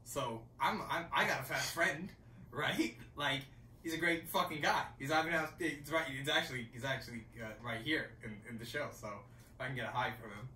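Loud young man doing stand-up in an echoey bedroom. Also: a little high, a little fast. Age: young adult. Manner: loud, swearing, swings from mutters to shouts. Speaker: stand-up comedian. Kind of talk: stand-up set for friends. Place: bedroom with a few friends. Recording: echoey bedroom, mic at a distance, faint background noise.

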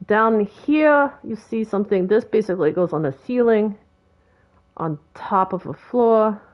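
In a muffled recording, a Boston-accented woman who creates game videos talks through a casual tutorial in a loose, chatty way. Her mid-range voice is animated, though her pace stays measured.

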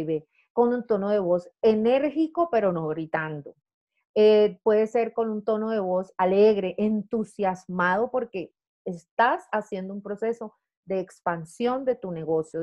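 A woman leads an online sales training for her team in a lively, conversational way, peppering her points with quick check-ins. Her voice sits at an ordinary middle pitch for a woman. It comes through slightly dull, lo-fi video-call audio. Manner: lively, chatty, tags points with "¿verdad?" and "¿sí?". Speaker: sales director coaching consultants.

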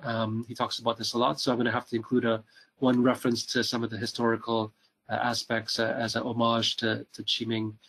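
A middle-aged Canadian man gives a cardiology lecture at hospital rounds. His voice sits at a medium pitch. He talks haltingly, filling pauses with ums and uhs and repeating words as he works through his slides. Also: completely flat delivery, a bit bright, rough recording.

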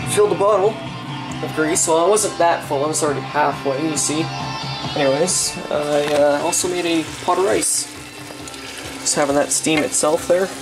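A young man chatting casually while cooking in his home kitchen, rambling with lots of fillers and the odd swear word. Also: a little high. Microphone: handheld camera mic. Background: music playing in the kitchen.

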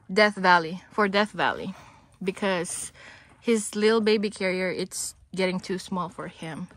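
A chatty woman narrates her hike outdoors in an unhurried way, laughing easily and talking sweetly to her little one. Her voice sits at a middle pitch, and she speaks into a handheld camera. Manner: chatty, laughs often, coos to her baby. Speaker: travel vlogger. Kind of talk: casual vlog narration. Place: outdoors on canyon trails.

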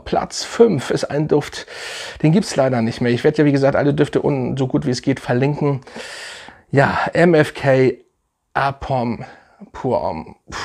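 A man's voice: medium pitch, a little mellow. A man casually reviewing fragrances for his channel, enthusiastic and rambling, with many fillers and restarts.

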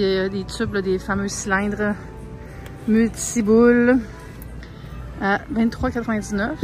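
A young vlogger chats her way through a large indoor grocery store, speaking with a Québécois French accent into a handheld phone camera. Her mid-range voice is loaded with fillers and quiet asides over faint store music. The audio is poor.

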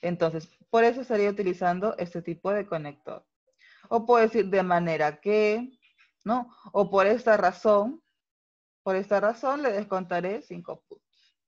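A woman teacher with a Peruvian accent giving an online class, explaining step by step and checking in often with quick tag questions. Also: mid-range voice, highs cut off. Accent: Peruvian Spanish.

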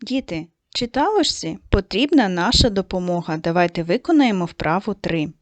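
A woman's voice: on the low side, expressive, no echo. Patient woman teaching young children. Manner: slow, patient, coaxing, stresses each word. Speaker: primary school teacher. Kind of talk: recorded second-grade lesson.

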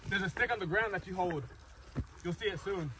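A man's voice: high voice, fairly quick. Distant man calling out trail directions. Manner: calls out directions to the others. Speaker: hiking friend. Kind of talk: casual chat while hiking. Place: snowy rocky mountain trail outdoors. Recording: distant voice with outdoor noise.

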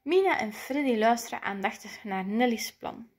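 A woman reading a children's picture book aloud, lively and playful. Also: fairly high pitch, moderate pace. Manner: lively, playful voices for the characters. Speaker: storybook reader.

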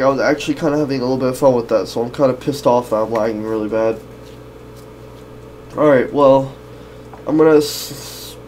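A man's voice: mid-range voice, a little hiss or hum, low-quality recording. A young man doing casual gameplay commentary in a sweary, slangy, complaining way. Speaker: gaming video host.

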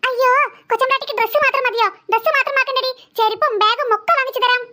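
In this cartoon voice acting clip, a voice actor plays a stern mother who scolds her daughter and won't buy anything on a trip. The voice is extremely high and racing, bright and forceful, with fairly even intonation, and the mood is nagging and scolding. Slight background noise can be heard.

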